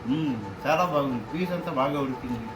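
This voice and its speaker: A man tasting a home-cooked dish and giving slow, approving comments. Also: on the high side, low-quality recording. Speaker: family member tasting food.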